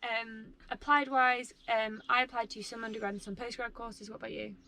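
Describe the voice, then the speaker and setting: Bright, creaky-voiced young woman chatting. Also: fairly high pitch, flat delivery, brisk, slight background noise. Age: 20s. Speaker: vlogger, medical student. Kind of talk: casual chat to camera. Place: inside a parked camper van.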